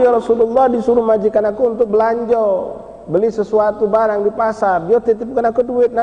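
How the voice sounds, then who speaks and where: A frightened young slave boy pleads in a high, sobbing voice with a lilt, as a preacher with a mellow tone puts him on. The sound is dull and lo-fi, carried on the long reverb of a mosque hall.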